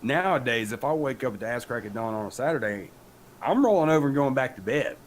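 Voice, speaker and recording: A young man from rural Appalachia talks with a matching accent, cracking jokes and rambling through a loose podcast conversation. He swears freely, and his pitch sits mid-range for a man. Faint ambient noise hums behind him. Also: expressive, fast. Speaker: podcast co-host. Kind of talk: casual chat.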